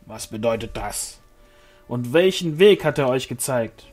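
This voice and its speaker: A man's voice: medium pitch, lively intonation, unhurried, darkish tone, soft background music. A man voicing a commanding male angel warrior who speaks sternly in a storybook reading.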